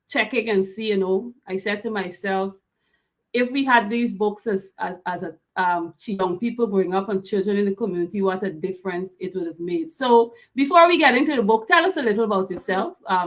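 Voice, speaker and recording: A woman's voice: mid-range voice, fairly bright tone. Host, a woman, effusive and encouraging, tends to repeat herself while asking questions. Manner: effusive, praising, repeats words. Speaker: interview host. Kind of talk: interview.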